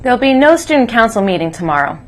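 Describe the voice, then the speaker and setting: A woman's voice: on the high side, sing-song, fast. Woman presenting a scripted school news broadcast. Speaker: school morning broadcast co-host. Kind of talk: scripted announcements, read aloud.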